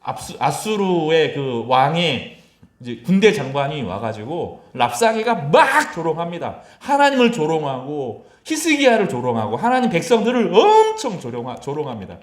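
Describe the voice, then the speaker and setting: Animated Korean man preaching a sermon. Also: normal speed, roomy sound. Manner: animated, acts out mocking voices and quotes; mixes loud rising quotes with soft low asides. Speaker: pastor. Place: church sanctuary.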